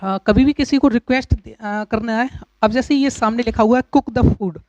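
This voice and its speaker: A man teaching English grammar in a lecture, explaining patiently with pauses and repeated examples. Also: very high voice, steady tone, a little mellow, no echo. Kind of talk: classroom lecture. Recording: dull, dry lo-fi recording.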